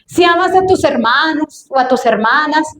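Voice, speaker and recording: A woman's voice: sits high, expressive, normal speed, fairly bright tone. A woman preaching a sermon to a congregation, emphatic and drawn out, with questions thrown to the listeners. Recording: echoey room, faint noise.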